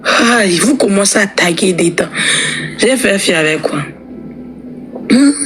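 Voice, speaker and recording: A woman with a Congolese French accent chatting playfully to followers on a live stream, teasing and repeating words. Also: fairly low pitch. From Democratic Republic of the Congo. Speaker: livestream host. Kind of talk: casual live chat with followers.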